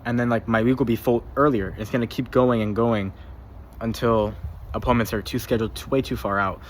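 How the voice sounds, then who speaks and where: Young man, casual vlog journal, mid-pitched, rambles and stumbles, curses freely; faint noise behind. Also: steady tone, a little fast. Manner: rambling, swears casually, often repeats and trips over words. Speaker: vlogger keeping a spoken journal.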